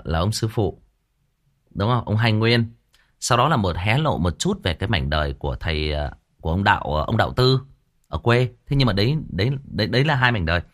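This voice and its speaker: Deep-voiced man chatting, lively pitch. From Vietnam. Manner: rambling, repeats words often. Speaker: audiobook narrator and channel host. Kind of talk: casual livestream commentary.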